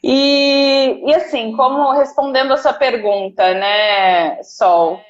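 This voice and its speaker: Woman, thirties, interview guest, earnest, unhurried, roomy lo-fi recording. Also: sits high, fairly even intonation. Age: 30s. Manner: earnest, reflective, with many restarts. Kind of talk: conversational interview. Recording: roomy, dull lo-fi sound.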